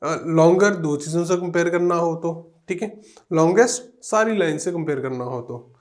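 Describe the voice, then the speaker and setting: Man teaching grammar, high-pitched. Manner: explains step by step, often checking in with the class; reads English example sentences slowly and deliberately. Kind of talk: classroom grammar lesson.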